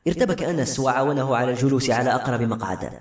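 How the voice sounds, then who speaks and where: Brisk male audiobook narrator. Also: medium pitch. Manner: steady, brisk storytelling. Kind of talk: scripted novel narration. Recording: roomy echoey room.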